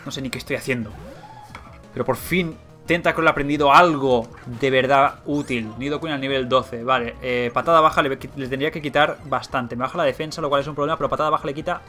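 A young man with a Spain Spanish accent commentating a video game as he plays, thinking aloud, getting excited and swearing. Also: medium pitch, fast talker, soft background music. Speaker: let's play gamer.

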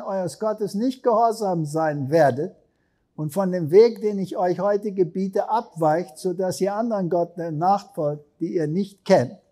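A man's voice: sits high, darkish tone. A man preaching a sermon, telling stories emphatically and asking the listeners questions. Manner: emphatic storytelling with rhetorical questions.

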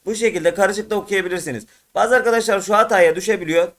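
High-voiced man teaching letter sounds. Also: quick pace, fairly bright tone. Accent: Turkish. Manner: repetitive, drills single sounds aloud and calls viewers friends. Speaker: Quran reading teacher. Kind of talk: online lesson explaining while drawing on screen.

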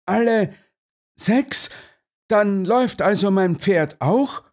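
A male audiobook narrator voicing an excitable elderly army colonel who bursts out in agitation. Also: normal speed, natural voice. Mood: agitated. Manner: agitated, high-strung outbursts. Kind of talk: audiobook character voice.

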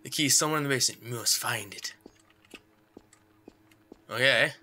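A man's voice: mid-range voice, moderate pace, sharp tone, a little hiss or hum. A man giving let's play commentary on a horror game, muttering to himself and yelping at every scare. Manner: jumpy, yelps and screams at scares. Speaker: gamer playing a horror game.

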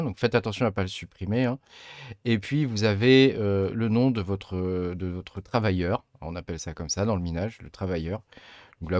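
Guy explaining stuff on his computer, kinda low voice, really dry mic, lots of ums. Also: no echo. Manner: relaxed, chatty, many fillers like "hein" and "euh". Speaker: tutorial host. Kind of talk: casual screen-recorded tutorial.

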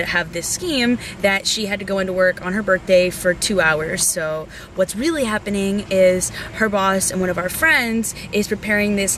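A woman in her twenties narrating and chatting casually as a vlogger, recorded on a noisy handheld camera. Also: medium pitch. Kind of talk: casual vlog narration and chat. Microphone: handheld camera at arm's length.

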